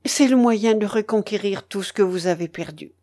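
A woman voicing a solemn older bishop in a read-aloud novel, speaking in grave, measured, admonishing tones. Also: medium pitch, mellow, lightly acted.

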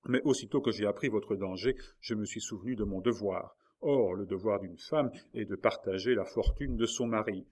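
A man's voice: fairly low pitch, normal speed, hardly any pauses, darkish tone, close to an everyday voice. A man voicing a dignified, passionate young queen who speaks with urgency. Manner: breathless, passionate.

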